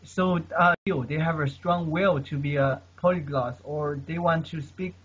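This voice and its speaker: A guest polyglot gives earnest language-learning advice in casual conversation, using lots of fillers and often ending sentences with "okay?" His voice is a little high, fairly even, unhurried, fairly bright, and slightly rough, heard on a dull lo-fi recording.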